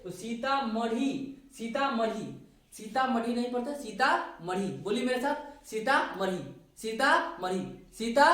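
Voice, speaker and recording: A woman teaching a spelling lesson, slowly spelling out words letter by letter and asking her students questions. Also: a little high. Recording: echoey room, voice from a distance.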